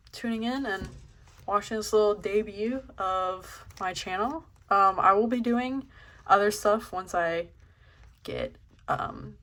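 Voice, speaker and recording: Hesitant and self-deprecating, a young channel host flips through a journal in her first vlog, saying um a lot in a casual way. She speaks with a medium-pitched, somewhat bright voice.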